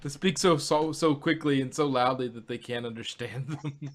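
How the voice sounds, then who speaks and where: A man with a mid-range voice co-hosts an audio drama review podcast, chatting casually at a moderate pace. He rambles loosely, restarts often, and laughs easily.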